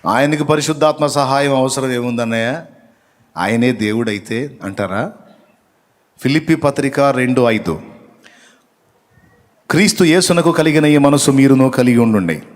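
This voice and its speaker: Guy giving a sermon, middle pitch, reads verses and asks the crowd stuff, big echoey hall. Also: lively intonation, moderate pace, long pauses. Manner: questions the congregation and repeats key phrases. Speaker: preacher. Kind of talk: sermon with Bible reading. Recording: long reverb of a hall.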